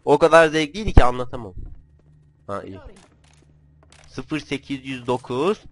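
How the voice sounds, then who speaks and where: A young man giving casual, joking commentary while playing a video game, with frequent swearing and sudden excited outbursts. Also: medium pitch, moderate pace. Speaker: gamer.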